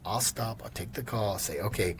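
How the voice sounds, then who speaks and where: A man's voice: fairly low pitch, brisk, background noise. A man in his fifties, a mortgage lender guest, telling work stories and acting out what customers said. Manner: animated storyteller who acts out quoted customers. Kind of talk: casual storytelling interview.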